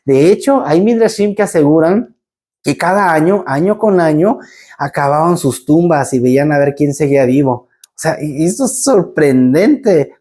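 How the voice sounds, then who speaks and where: A man's voice: fairly high pitch, warm tone. A man teaching a Bible portion, telling the story with animation and acting out what the people in it said.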